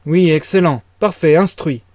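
A man's voice: on the high side, normal speed, a little mellow, dry recording, close to an everyday voice. A man reading aloud and voicing a feverish, irritable young student who speaks in abrupt, agitated bursts. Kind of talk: audiobook reading.

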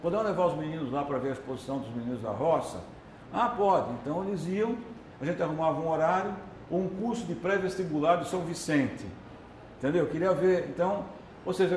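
A man's voice: a little high, darkish tone, roomy sound, slight background noise. A man with a Brazilian accent, a documentary filmmaker giving a casual, conversational video lecture and often checking in with his listeners. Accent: Brazilian Portuguese. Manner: chatty, keeps tagging "né?" and "entendeu?".

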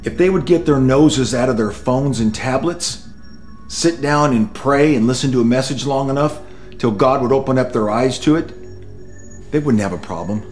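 An actor playing a stern, indignant pastor who speaks in a cutting, scornful way. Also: male voice, medium pitch, normal speed, darkish tone, close to an everyday voice. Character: stern indignant middle-aged male pastor. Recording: echoey room with music.

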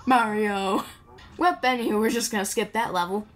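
Talking fast in a slightly high, lively voice, a woman plays a game and offers rambling, playful commentary, chatting to the characters as she goes. Video game music runs in the background.

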